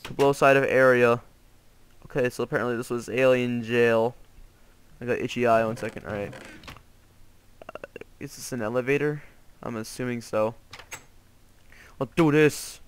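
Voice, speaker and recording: A man's voice: medium pitch, steady tone, moderate pace, long pauses, a little hiss or hum. A young man playing a horror game and commenting as he goes, joking and yelping in panic at the scares. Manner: jokey, jumpy, yelps and panics at scares. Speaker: gamer playing a horror map. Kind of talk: let's play commentary.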